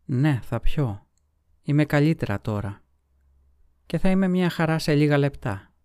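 A man voicing a languid, secretive young noblewoman in a storybook reading, with soft, sighing delivery. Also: on the high side, animated, clean tone, dry recording, clean studio sound, voice pushed up, close to an everyday voice. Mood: weary.

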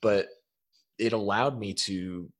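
A man's voice: fairly low pitch, slow, a little hiss or hum. A man co-hosting a casual podcast, tired, laughing easily as he talks. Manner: laughs easily, relaxed storytelling. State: tired, no coffee yet. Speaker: podcast co-host.

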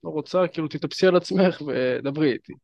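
A man in a casual podcast conversation, agreeing with the host and then pushing his own view. His voice sits a bit high, and the recording is dull, lo-fi and bone-dry. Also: creaky, no room sound.

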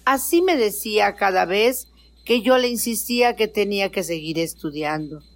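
A woman's voice: medium pitch, moderate pace, natural voice. A woman playing a reproachful mother. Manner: reproachful, steady. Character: middle-aged mother, hardworking and reproachful.

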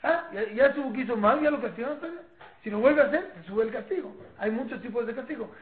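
A woman with a Mexican accent teaching a parenting class in a lively, informal way, acting out parents and children and often repeating herself. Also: on the high side, fast. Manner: animated, acts out parents and children, repeats words. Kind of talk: informal class talk with students. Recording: echoey room, tinny phone-like sound.

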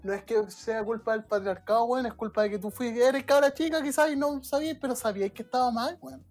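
A woman's voice: a little high, fairly even intonation, a little fast, a little mellow, faint music behind. A Chilean woman with a Chilean accent, co-hosting a casual podcast chat, blunt and heavy on swearing. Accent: Chilean Spanish. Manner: blunt, profane. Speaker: podcast co-host.

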